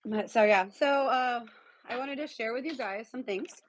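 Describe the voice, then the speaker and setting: A woman's voice: a little high, normal speed, no echo, rough recording. Chatty woman guest cook, dry sound. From San Diego, California. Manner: chatty, lots of fillers. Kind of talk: casual cooking chat.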